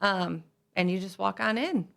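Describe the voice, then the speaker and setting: An American woman with a medium-pitched voice speaks as a guest on a radio program. She explains things in an informal, conversational interview style. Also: measured pace, vocal fry, a bit bright. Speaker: radio guest, school fundraiser organizer.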